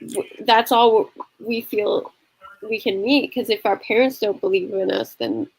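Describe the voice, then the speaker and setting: A woman's voice: medium pitch, fairly even intonation, unhurried, creaky, slightly rough, poor audio. Young woman, live-stream host, thoughtful, laughs easily. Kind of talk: casual live-stream conversation.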